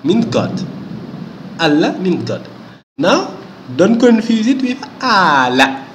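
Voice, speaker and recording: A man's voice: high-pitched, big pitch swings, slight background noise. Man teaching words in an echoey room. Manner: repeats each word slowly, with many "okay?" checks. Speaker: language teacher. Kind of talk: vocabulary lesson. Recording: echoey room with faint ambience.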